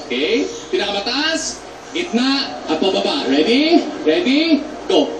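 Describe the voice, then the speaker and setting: A man, a theater actor, patiently teaching voice and breathing exercises on a TV show, breaking into loud demonstration shouts. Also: high voice, sing-song, unhurried, noisy background. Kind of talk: instructive voice lesson on a TV show. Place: TV studio with a live audience. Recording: echoey studio, mic some distance off.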